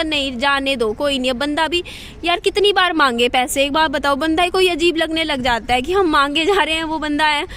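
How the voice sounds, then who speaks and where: Woman vlogger, high bright voice, chatty and aggrieved, faint room hiss behind. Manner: chatty, venting, repeats herself. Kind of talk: casual vlog monologue. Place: at home.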